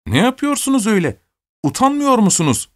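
A man voicing an earnest, gentle young man who questions the boys and scolds them. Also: medium pitch, expressive, fairly quick, no room sound, studio quality, voice pushed up, natural voice.

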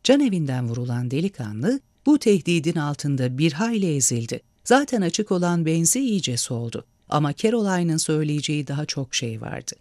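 Expressive male storybook narrator. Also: fairly high pitch, no room sound, clean studio sound. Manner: measured, expressive reading.

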